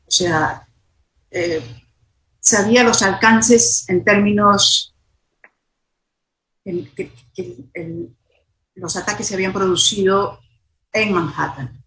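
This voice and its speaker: A woman's voice: medium pitch, a bit bright, poor audio. Middle-aged woman telling a story in an interview, lots of ums and restarts, hesitant. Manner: hesitant, many fillers and restarts. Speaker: journalist interviewee.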